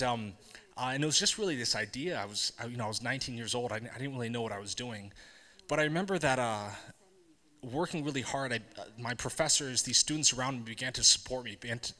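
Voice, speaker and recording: A man giving a live conference talk, earnest and halting, with many fillers and restarts. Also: medium pitch, pushed and bright. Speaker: conference speaker. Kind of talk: live presentation to an audience. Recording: hall reverb.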